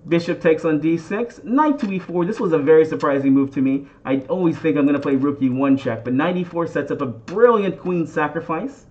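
A man's voice: on the high side, fairly quick, few pauses, darkish tone, dull audio. A man giving instructional game commentary as a chess instructor, often putting questions and catchphrases to his viewers. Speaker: chess instructor and channel host.

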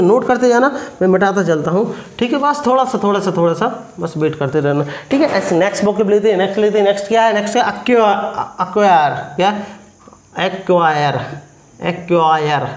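High-voiced teacher drilling vocabulary. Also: male voice, roomy sound. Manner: repetitive quizzing of viewers, spells words slowly. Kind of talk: live online class, teaching. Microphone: phone.

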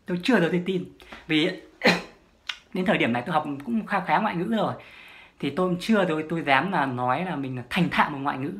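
A woman talks quickly through a solo advice vlog on language learning. She lectures emphatically, hammering her points home by repeating whole phrases, and her voice sits fairly low. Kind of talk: solo advice monologue to camera.

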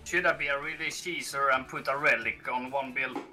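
A man's voice: mid-range voice, fairly even intonation, fairly quick, pushed and bright, soft background music. A man from Sweden, a laconic teammate chatting during a game. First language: Swedish. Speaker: teammate on a call.

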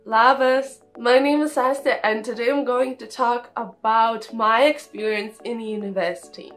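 A woman's voice: on the high side, steady tone, normal speed, fairly bright tone, soft background music, low-quality recording. A young woman from Lithuania with a Lithuanian accent, chatting casually to the camera about her studies, friendly, with many fillers and repeated words. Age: young adult. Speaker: international student. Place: small indoor room, seated on a sofa. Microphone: camera at close framing.

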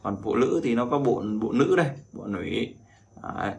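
This Chinese teacher runs a relaxed vocabulary lesson, drilling each word again and again in drawn-out repetitions between chatty asides. His medium-pitched voice has lively intonation and vocal fry. Slight background noise can be heard.

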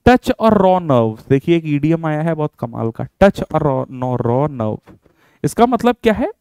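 A man's voice: a little high, very animated, a little slow, darkish tone, clear, resonant tone, dry recording. A man with an Indian accent teaching English vocabulary in an online lesson, mixing English into Hindi and asking his students rhetorical questions. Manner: chatty and encouraging, mixes English words into Hindi, asks rhetorical questions.

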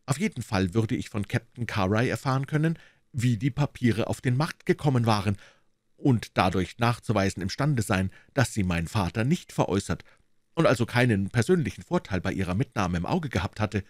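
A man's voice: lowish voice, animated, fairly quick, dry recording, clean studio sound, lightly acted. A man voicing a nervous young man who explains himself to the police in a storybook reading. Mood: confessing.

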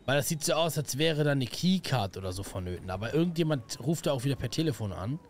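A young man commentating a horror game live, excitable and slangy, greeting viewers. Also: mid-range voice, fast talker, slight background noise. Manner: excitable, slangy, yelps at scares. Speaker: gaming streamer. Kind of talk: let's play commentary.

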